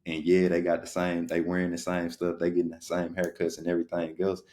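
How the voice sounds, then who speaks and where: A man's voice: low voice, monotone, quick pace, darkish tone. A man co-hosting a podcast in a loose, rambling casual chat, full of fillers. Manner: loose, rambling, lots of "you know what I'm saying". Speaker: podcast co-host.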